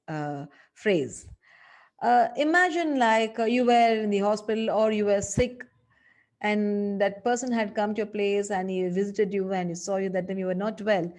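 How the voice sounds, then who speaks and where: A woman's voice: medium pitch, a little mellow. A woman teaching a lesson as a communication coach, acting out sample phrases with changing tone. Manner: instructive, demonstrates phrases with exaggerated tone shifts. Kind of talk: spoken English lesson.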